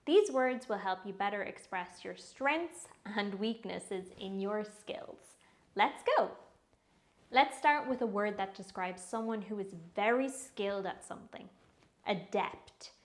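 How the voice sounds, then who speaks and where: Slow, clear woman English teacher. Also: medium pitch. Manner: slow, careful pronunciation drills with repeated words. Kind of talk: scripted vocabulary lesson.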